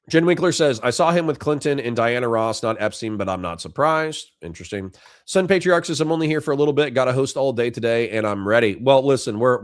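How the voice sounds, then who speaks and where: Thanking supporters and reading out chat messages, a middle-aged livestream host keeps things casual, dry and sincere, often restarting. The recording is dry and his voice sits in the mid-range.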